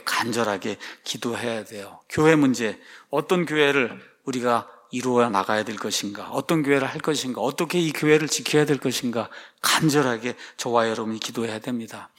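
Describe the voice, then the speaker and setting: A man's voice: medium pitch, a bit bright. A man preaching a sermon as pastor, emphatic, posing rhetorical questions to his congregation.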